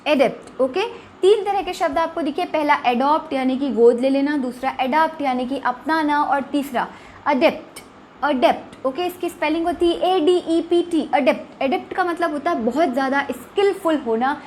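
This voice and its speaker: A woman, teaching English vocabulary to students in a classroom-style lesson, asking rhetorical questions and reading examples slowly. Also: sits high, a little hiss or hum. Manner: slow, spelled-out English examples with Hindi explanation. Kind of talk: classroom lesson explaining words.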